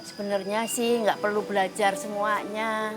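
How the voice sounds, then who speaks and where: A woman's voice: medium pitch, flat delivery, moderate pace, over music, natural voice. Friendly homely aunt, a woman acting.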